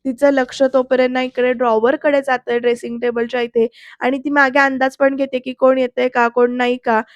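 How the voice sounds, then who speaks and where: High-voiced woman recapping a serial. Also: level tone, a little fast, no echo, dull audio. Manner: chatty, retelling with quoted lines. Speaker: serial reviewer. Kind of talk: voice-over episode recap.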